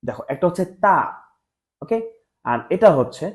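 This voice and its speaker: A man teaching Arabic letter pronunciation in a lesson, repeating each letter slowly and mixing in English words. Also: fairly high pitch, animated. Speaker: Quran teacher.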